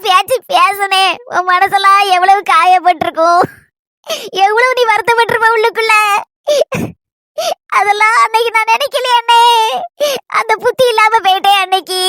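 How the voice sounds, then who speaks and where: A tearful younger sister, played by a woman in a homemade family drama, begging forgiveness through her crying and repeating her self-blame. The voice is very high and bright, and the sound is close and dry. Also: dry recording.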